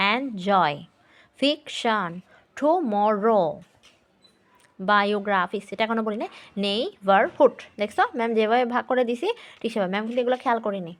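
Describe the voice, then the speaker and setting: Her voice sits on the high side as she teaches grammar, spelling words letter by letter and answering her own questions. She reads each English sentence slowly, then explains it.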